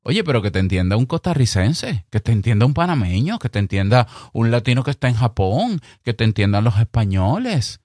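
A man with a Dominican accent hosting a podcast, giving emphatic, direct advice and speaking slowly and clearly on purpose. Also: mid-range voice, big pitch swings, darkish tone, dry recording, clean studio sound. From Dominican Republic. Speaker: podcast host. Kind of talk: advice talk to fellow podcasters.

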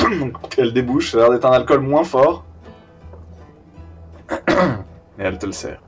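A man with a Southern French accent narrating as game master, halting and clearing his throat. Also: medium pitch, animated. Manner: halting, many fillers and restarts, clears throat. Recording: distant mic, faint music.

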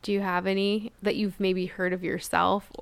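A woman's voice: medium pitch, little pitch movement, moderate pace, gravelly, clear, resonant tone, no room sound. A young woman co-hosting a podcast, telling stories in a chatty, laughing way. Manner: chatty storytelling with frequent laughs. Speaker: podcast co-host. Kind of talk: casual chat.

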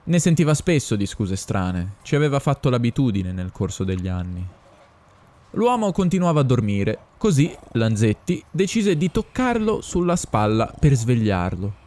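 A man narrating a short story and voicing the conductor, expressive and theatrical. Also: medium pitch, moderate pace. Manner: expressive, acting out the characters. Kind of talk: audiobook story reading.

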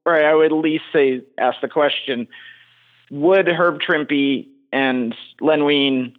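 A male caller comes through a thin, tinny phone line, his voice sitting a little high for a man. He talks casually and haltingly, restarting his sentences as he goes. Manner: hesitant, halting, many restarts. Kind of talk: casual call-in chat.

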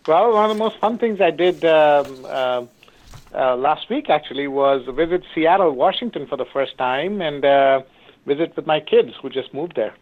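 A man's voice: on the high side, animated, moderate pace. A man who is a guest on an interview show, talking casually with hesitant um and uh fillers. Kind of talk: casual conversation. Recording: tinny phone-like remote line.

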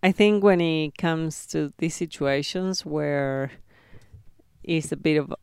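Easygoing woman with a crisp voice. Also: low-pitched, slow, no room sound, studio quality. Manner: easygoing, relaxed storyteller. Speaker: podcast co-host. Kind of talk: casual chat.

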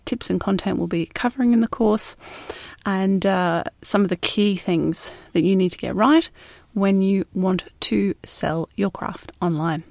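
A woman's voice: mid-range voice, dry recording. An Australian woman hosting a podcast in casual solo talk, recorded inside a closet. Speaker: podcast host.

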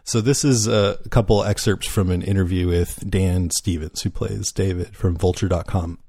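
A man's voice: deep voice, fairly even intonation, moderate pace, gravelly, dark tone, no echo, clean studio sound. A man co-hosting a casual TV podcast, reading notes aloud with casual asides. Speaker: podcast co-host.

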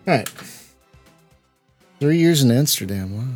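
A man's voice: medium pitch, lively intonation, unhurried, darkish tone, breathy edge, no echo, soft background music. A man hosting a podcast, chatting casually while playing a game and reacting aloud with stumbling restarts. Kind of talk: casual gameplay chat.

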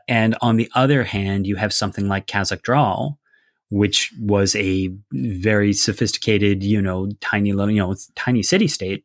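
This lowish-voiced game designer chats about a fantasy setting in a studio-quality recording with no echo. His explanations run long and meander, packed with filler words.

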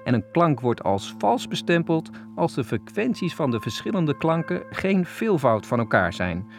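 A man presenting a science podcast in scripted narration, explaining ideas clearly. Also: fairly high pitch, sing-song, moderate pace, faint music behind.

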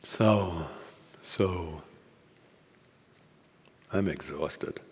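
A man's voice: deep voice, very slow, long reverb tail. A man giving an informal, musing dharma talk as a Zen teacher, with fillers and asides. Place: meditation hall at a retreat.

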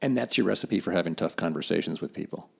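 Deep gravelly male host, reverberant. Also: animated, quick pace. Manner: brief, prompting questions. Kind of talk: casual interview chat.

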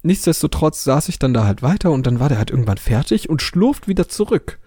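A man co-hosting a podcast, telling a story in a casual way and acting out the dialogue with lively voices. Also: a little high, fairly quick, slightly rough, no echo, clean studio sound. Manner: animated storyteller who acts out dialogue. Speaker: podcast co-host.

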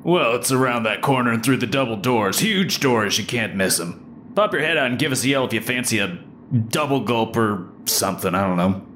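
A man's voice: mid-range voice, animated, normal speed, a bit bright, slight background noise, close to an everyday voice. A man playing a casual, chatty, friendly office worker in an audio drama.

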